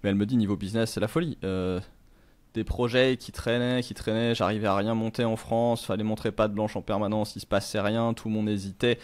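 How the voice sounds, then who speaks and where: A middle-aged man in casual conversation who thinks out loud, rambling with many fillers. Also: fairly low pitch, steady tone, brisk.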